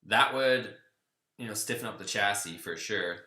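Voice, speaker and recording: A man's voice: on the low side, normal speed, sharp tone, echoey room. A man hosting a casual livestream Q&A, reading viewer comments aloud and chatting back loosely. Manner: laid-back, reads viewer comments aloud and riffs on them. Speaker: host of a car channel livestream. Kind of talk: casual live Q&A reading chat.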